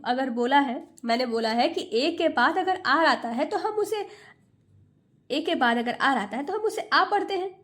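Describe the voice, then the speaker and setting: High-pitched lady tutor, super slow, sounds out letters one by one, repeats everything. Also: a bit bright. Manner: patient, repeats each word. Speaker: English pronunciation tutor. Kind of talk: Hindi phonics lesson.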